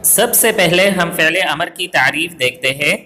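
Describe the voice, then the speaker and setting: A man with a Pakistani Urdu accent teaches a grammar lesson to camera. His voice sits fairly high and sounds bright and forceful. He asks and answers his own questions and slows down for recited examples, and his voice rings with a long echo in the room. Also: expressive, soft background music. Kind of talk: recorded video lesson. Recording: echoey room with long reverb.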